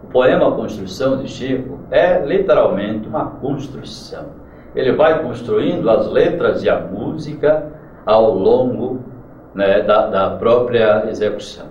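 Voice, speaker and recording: A man's voice: mid-range voice, expressive, measured pace, a little mellow. A man with a Brazilian Portuguese accent teaching a literature lesson, explaining and chanting verse rhythms aloud. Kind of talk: classroom lecture. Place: classroom. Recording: roomy, distant, dull mic with faint noise.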